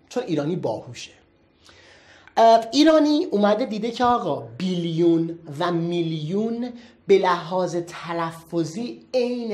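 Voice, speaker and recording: A teacher giving a classroom lecture in a playful, teasing way, firing quick rhetorical questions at the students. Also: medium pitch, a little mellow, slight background noise. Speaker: English teacher.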